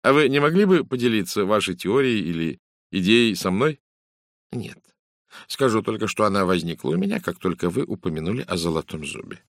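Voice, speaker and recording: A man voicing a calm, precise, gently ironic detective in an audiobook, speaking quietly and in measured phrases. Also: lowish voice, no echo, studio quality. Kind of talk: audiobook character voice.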